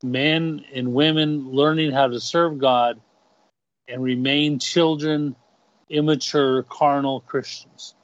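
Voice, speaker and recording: A man preaching a sermon and reading scripture aloud, speaking deliberately and often restarting his phrases. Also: medium pitch, steady tone, no room sound, lo-fi sound. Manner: slow and deliberate, repeats words when restarting.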